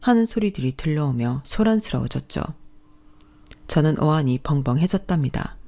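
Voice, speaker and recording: Low, mellow-voiced woman storyteller. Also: lively intonation, moderate pace. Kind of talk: scripted first-person story narration.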